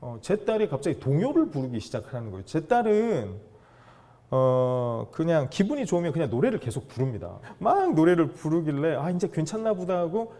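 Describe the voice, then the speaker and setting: A man lecturing a class of fathers through personal stories. His fairly high voice swings widely in pitch, and he acts out the lines he quotes with plenty of animation. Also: big pitch swings, moderate pace, dark tone. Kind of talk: storytelling lecture.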